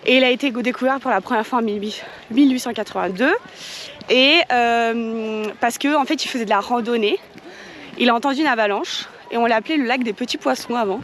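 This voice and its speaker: A woman's voice: on the high side, brisk, a bit bright, a little hiss or hum. A woman vlogging about her travels in a casual, rambling way, hesitating often and giggling between sentences. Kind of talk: casual travel vlog narration.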